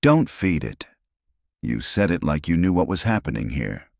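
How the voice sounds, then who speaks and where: A man's voice: extremely low pitch, sing-song, moderate pace, creaky, darkish tone, dry recording, studio quality, exaggerated voice. A man voicing a stern female lead agent who gives clipped commands.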